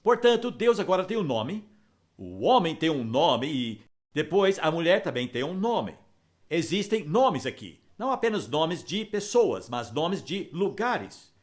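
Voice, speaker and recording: A man's voice: a little high, sing-song, a little slow. A man giving an emphatic, explanatory Bible teaching talk.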